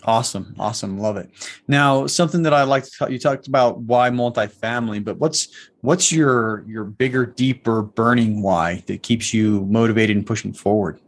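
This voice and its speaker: A man's voice: on the low side, normal speed. A man hosting a casual interview, upbeat in tone and rambling with many fillers. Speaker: podcast host.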